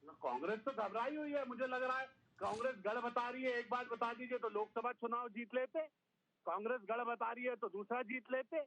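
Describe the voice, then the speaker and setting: A high, gravelly man's voice with a sharp, bright edge mocks his opponents in a TV debate, leaning on colorful sayings. The sound is muffled and lo-fi, as if over a remote link. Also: brisk. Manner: mocking, taunting, full of sayings. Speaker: party spokesman. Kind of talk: heated TV debate.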